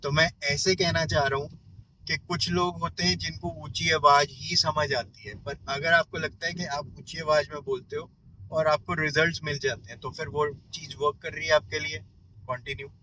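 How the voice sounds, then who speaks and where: Guy doing a chatty self-help lesson, bright kinda high voice, faint noise in the back. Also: little pitch movement, moderate pace, poor audio. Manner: explains with everyday examples, keeps checking in with "ठीक है". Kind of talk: casual motivational lesson.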